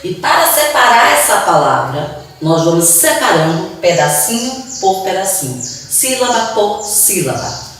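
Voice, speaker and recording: Brazilian woman, slow patient classroom teacher, stretched-out syllables, very echoey room, far from the mic. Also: fairly low pitch, big pitch swings, a bit bright. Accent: Brazilian Portuguese. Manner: drawn-out syllables, patient repetition. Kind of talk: slow, deliberate classroom explanation.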